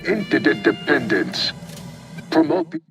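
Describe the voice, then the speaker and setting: A man's voice: fairly high pitch, wildly swooping pitch, slow, vocal fry, music in the background, full character voice. An actor voicing a malfunctioning male corporate AI in a video game, stuttering on broken syllables and repeating error messages in clipped machine diction. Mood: glitching.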